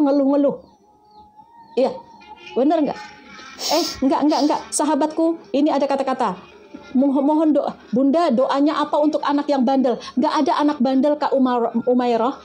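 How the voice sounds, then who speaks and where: Lively female preacher, casual tone. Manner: lively, animated, rising and falling in pitch, addresses audience as friends; mixes casual speech with Arabic prayers. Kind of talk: religious talk to a live audience.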